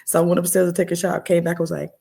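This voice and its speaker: A middle-aged woman, a podcast guest, telling her testimony in an animated way and acting out the dialogue. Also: on the low side, racing, gravelly, slightly rough. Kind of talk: storytelling testimony.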